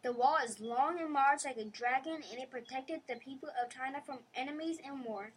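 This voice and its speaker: A woman's voice: high-pitched, moderate pace, slight background noise, close to an everyday voice. A woman voicing an imaginative, eager young schoolgirl in a storybook reading, earnest and dreamy.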